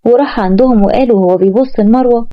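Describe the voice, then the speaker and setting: Brisk Egyptian woman narrating a story. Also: fairly high pitch. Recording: muffled lo-fi recording.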